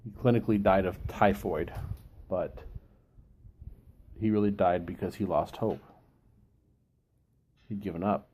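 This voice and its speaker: A man with a fairly low, very mellow voice talks reflectively, as if walking a listener through a book. His delivery is deliberate and halting, pausing mid-phrase. Light background noise sits under the voice. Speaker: book reviewer giving an informal chat. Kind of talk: reflective solo talk, quoting and explaining.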